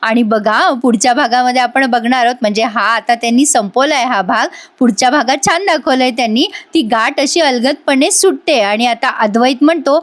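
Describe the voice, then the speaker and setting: A woman's voice: a little high, normal speed, few pauses, dry recording. A woman recapping a TV serial episode in a chatty voice-over, talking directly to her viewers. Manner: lively storytelling that speaks to viewers. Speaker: TV serial reviewer.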